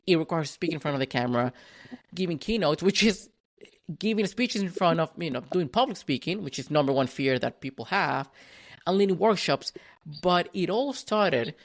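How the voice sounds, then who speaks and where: Man telling his story. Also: on the high side. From Venezuela. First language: Spanish. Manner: frequent restarts and repeated words. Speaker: podcast guest. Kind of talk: casual reflective storytelling.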